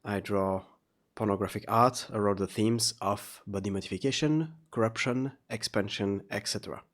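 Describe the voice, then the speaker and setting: A man with a low voice and a slightly sore throat speaks haltingly, searching for words, as he delivers a casual, confessional vlog monologue as an artist and vlogger.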